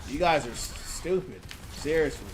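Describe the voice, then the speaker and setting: A man's voice: a little high, lively intonation, normal speed. Heated man ranting on a stream. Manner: heated, repetitive, mocking. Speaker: game streamer. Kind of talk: ranting live stream commentary.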